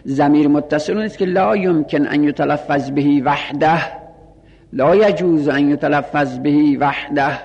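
A man teaching Arabic grammar in a seminary-style lesson, repeating each rule slowly and reciting Arabic phrases and pronoun lists. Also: a little high, creaky, darkish tone, slightly rough, long reverb tail, muffled recording.

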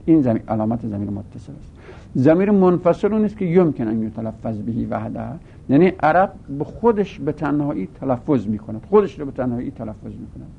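A man teaching a grammar lesson, asking and answering his own questions and drawing out his words. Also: expressive. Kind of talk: grammar lesson, explaining step by step. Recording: gravelly voice on a tinny phone-like line with faint rumble.

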